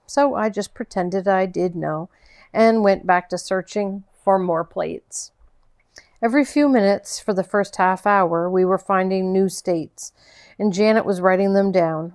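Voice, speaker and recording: A woman reading a novel aloud in a gentle, unhurried way. Her voice sits in an even middle range, and she tells the story plainly with the occasional small restart. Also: medium pitch. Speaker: audiobook narrator.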